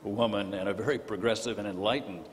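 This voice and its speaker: A man's voice: lowish voice, steady tone, fast, a little hiss or hum. A man moderating a panel, asking conversational questions. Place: lecture hall. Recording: reverberant hall, faint ambience.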